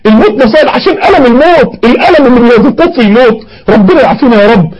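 Urgent high-pitched Egyptian preacher. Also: male voice, animated, racing, darkish tone, muffled recording. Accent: Egyptian Arabic. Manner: urgent, emotional preaching with rhetorical questions. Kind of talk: sermon.

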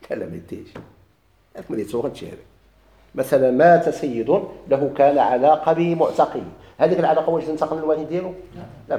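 رجل بلهجة مغربية يلقي درساً في الفرائض، يكرر المصطلحات ويسأل طلابه. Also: male voice, fairly high pitch, warm tone, roomy sound. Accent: Moroccan Arabic. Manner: repeats key terms, quizzes students. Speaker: teacher of Islamic inheritance law. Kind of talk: classroom lecture, questions and answers.

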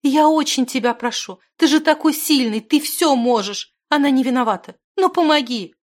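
A woman reading the lines of a crying young woman who begs for help in a high, loud voice. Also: animated, normal speed. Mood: pleading. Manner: pleading, high-pitched.

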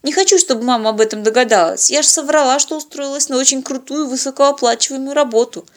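An earnest, talkative young woman from a spaceship crew, as a woman narrator puts her on. She runs her ideas out loud in a quick, eager stream, pitched a little higher than the narration. Audiobook reading. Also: lively intonation. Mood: worried. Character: young woman crew member, chatty zoologist.

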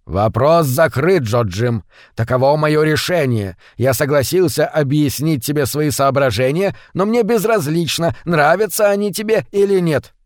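A man's voice: on the high side, normal speed, no room sound, lightly acted. Male reader doing a cold, aloof ship's captain, dry close sound. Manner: cold and condescending. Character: cool, calculating male ship captain.

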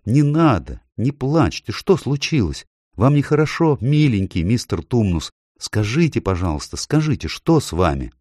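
A man's voice: mid-range voice, sing-song, moderate pace, few pauses, darkish tone, dry recording, studio quality, voice pushed up. A man voicing a kind, anxious young girl in a storybook reading, pleading and asking urgent questions. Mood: alarmed.

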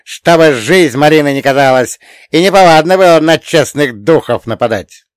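A man's voice: measured pace, clear, resonant tone, no echo, clean studio sound, lightly acted. Lomonos, a man voicing a wily old frost spirit. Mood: egging on. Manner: folksy, coaxing, loud and high. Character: sly old frost spirit coachman, excitable.

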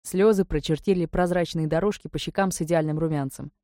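A woman narrating an audiobook in the first person, measured and wry. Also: low-pitched, steady tone, warm tone, dry recording, studio quality.

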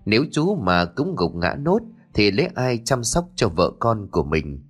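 A man tells a ghost story in a dramatic, scripted narration. His voice is fairly low and rises and falls widely. Soft music plays faintly underneath.

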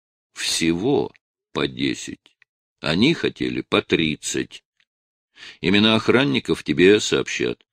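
Curt, gruff cop giving orders, low and gravelly, lively in pitch, read by a man. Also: takes it slowly, pauses often, no room sound, clean studio sound, full character voice. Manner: curt, instructing.

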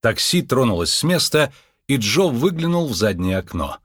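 A man narrating a children's story audiobook in a lively, expressive way. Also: medium pitch, moderate pace, husky, no echo, clean studio sound. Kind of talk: scripted narration.

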